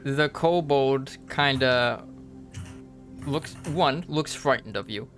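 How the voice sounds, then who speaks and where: A man narrating a tabletop role-playing game as game master, improvising in halting pieces. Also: mid-range voice, fairly bright tone. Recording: music behind the voice.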